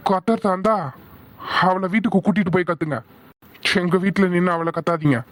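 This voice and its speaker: A man voicing a stubborn young husband in an animated family drama, curt and defiant. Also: high voice, a little fast, dry recording, lightly acted. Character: angry young husband, stubborn office worker.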